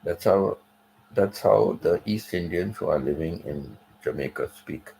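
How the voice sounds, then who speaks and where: On his livestream, a middle-aged man reads viewer comments and tells a story in a casual, repetitive, conversational way. His voice is low, expressive, gravelly and mellow, with a measured pace. The recording is rough, with a little hiss or hum.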